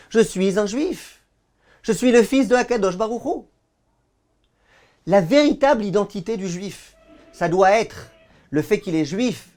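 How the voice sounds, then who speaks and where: A man giving a sermon as a rabbi, arguing through rhetorical questions, dramatic pauses and imagined replies. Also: sits high, darkish tone.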